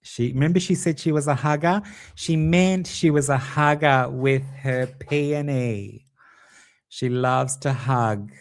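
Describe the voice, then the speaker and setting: A man's voice: medium pitch, unhurried. A man hosting a casual tarot livestream, theatrical and giggly, calling his viewers darling. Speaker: tarot reader streaming host.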